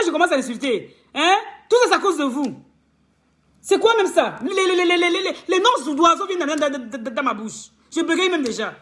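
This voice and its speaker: A woman relationship coach giving an impassioned, scolding rant on a live stream, firing off rhetorical questions and stammering over repeated words. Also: high voice.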